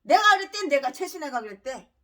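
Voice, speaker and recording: Woman, pastor, sermon, high-pitched, angry ranting, shouting bursts, slow emphatic reading. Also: very animated. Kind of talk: expository sermon.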